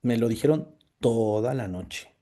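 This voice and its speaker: Warm-voiced Mexican priest telling his story. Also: medium pitch, expressive, a little slow. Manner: conversational storytelling with frequent tag questions. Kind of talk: personal testimony talk with slides.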